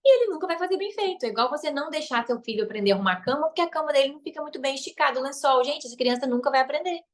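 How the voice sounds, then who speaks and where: A woman's voice: sits high, racing, fairly bright tone. A woman with a Brazilian Portuguese accent, a relationship coach and therapist, teaching a live online masterclass. She is emphatic, repeats key phrases and tacks on tag questions.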